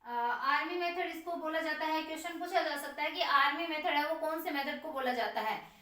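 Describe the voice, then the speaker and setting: High-voiced woman teacher in echoey room. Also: normal speed, pushed and bright. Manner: explains, then asks and answers her own questions; writes on a board while speaking. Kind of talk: classroom lecture. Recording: very echoey room, far from mic.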